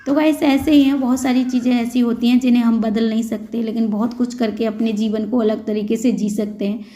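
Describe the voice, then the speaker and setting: A woman in her thirties vlogs in an earnest, plain-spoken way. Her voice sits a little high, but her intonation stays flat and even. She speaks directly to her viewers. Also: fairly quick. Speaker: vlogger. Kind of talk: casual vlog talk to viewers.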